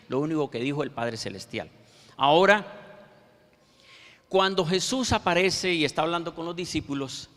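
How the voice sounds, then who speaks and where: A man preaching a sermon, quoting scripture verses with slow, emphatic pauses. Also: on the high side, fairly bright tone. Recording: reverberant hall.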